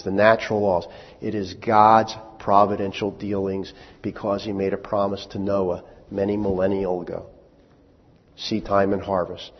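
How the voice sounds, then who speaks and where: In a lowish voice with a breathy edge, a pastor delivers a conversational sermon, posing rhetorical questions to his congregation and lifting his voice for scripture quotations. The recording is dull, lo-fi, and full of long hall reverb.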